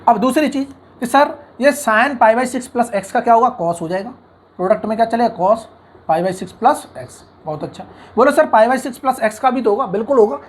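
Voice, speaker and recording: A man teaching engineering mathematics in an online lecture, coaxing the class with constant questions and acting out imagined student objections. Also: extremely high pitch. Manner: brisk, coaxing teacher who asks the class questions and answers them.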